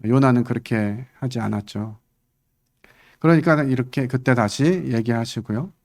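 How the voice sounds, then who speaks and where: A man's voice: moderate pace, darkish tone. Conversational male church preacher. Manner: conversational, acts out quoted lines with sudden lifts in pitch. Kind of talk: sermon.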